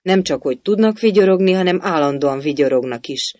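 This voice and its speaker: Guy putting on a rude shouty duchess, sneering and loud, pitched up a bit, dry close sound. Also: expressive, no echo, lightly acted. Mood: scornful. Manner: rude, barking, scornful. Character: bad-tempered shouting noble duchess woman.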